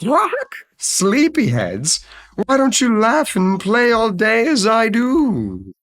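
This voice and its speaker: A man voicing a loud, mischievous male parrot in a storybook reading, squawking and mocking. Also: sits high, huge pitch swings, slow, no echo, clean studio sound, voice pushed up, full character voice. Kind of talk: storybook voice acting.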